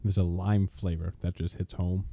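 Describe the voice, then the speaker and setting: A man's voice: deep voice, little pitch movement, normal speed, warm tone, no room sound. A young man co-hosting a casual podcast, laid-back and teasing as he jokes around. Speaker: co-host.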